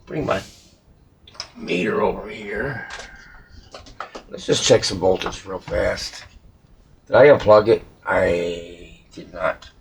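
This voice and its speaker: Low and creaky, the man's voice moves slowly with frequent pauses. He's at a workbench in a hobby workshop, muttering to himself in a folksy way and swearing mildly now and then. Clicks and handling noises fill the room.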